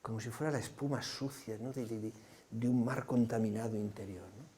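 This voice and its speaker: A man's voice: medium pitch, fairly even intonation, fairly quick, warm tone, a little hiss or hum. A man preaching a sermon, painting vivid scenes and asking his listeners rhetorical questions. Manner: vivid storyteller, asks the congregation rhetorical questions.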